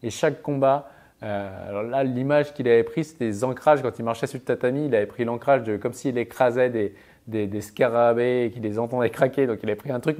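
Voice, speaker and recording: His voice is medium-pitched and a little mellow as he coaches on mental performance. He shares tips and anecdotes with emphasis, punctuating them with small, punchy sound effects.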